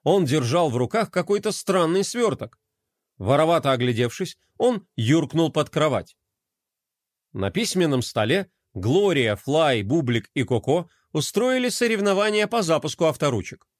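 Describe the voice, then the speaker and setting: A man narrating a children's story in a playful, animated way, his pitch swinging widely. His voice sits a touch high, and the recording is close and dry. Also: normal speed, no echo.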